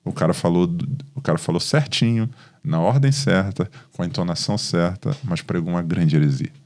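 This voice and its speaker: A man's voice: low voice, a little fast. A Brazilian man, a pastor, speaking in a podcast conversation, telling stories with animation and acting out the dialogue. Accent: Brazilian Portuguese. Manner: animated storytelling, acts out dialogue.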